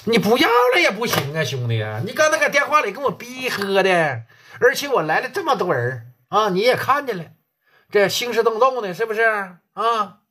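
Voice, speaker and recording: Guy putting on a cocky gangster boss, crude taunts, husky and high, swings up and down a lot. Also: very animated, moderate pace, bright, forceful tone, exaggerated voice. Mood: mocking. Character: swaggering middle-aged male gang boss, mocking and domineering.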